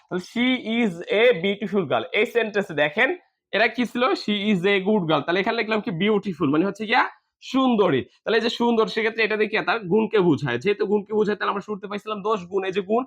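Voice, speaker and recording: A man teaching a classroom grammar lesson in a high, light voice. He spells each word out letter by letter, then asks the class a question and answers it himself. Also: fast, a bit bright.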